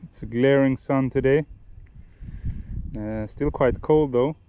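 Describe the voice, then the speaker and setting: A young man gives relaxed, explanatory fishing tips outdoors by a lake, often restarting and correcting himself mid-sentence. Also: medium pitch, takes it slowly, lo-fi sound, slight background noise. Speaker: fishing vlogger. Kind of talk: casual instructional talk while fishing.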